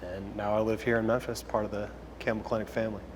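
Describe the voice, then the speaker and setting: A low flat-voiced young man in reverb. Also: slight background noise. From Chicago, Illinois. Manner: halting, many restarts and fillers. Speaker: orthopedic resident, panelist. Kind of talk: panel discussion. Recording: room with long reverb.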